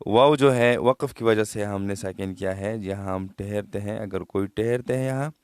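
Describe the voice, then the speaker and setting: Smooth-voiced man teaching recitation. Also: fairly low pitch, darkish tone, no echo, studio quality. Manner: patient, repeats words slowly to show correct pronunciation. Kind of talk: tajweed lesson, explaining then reciting slowly.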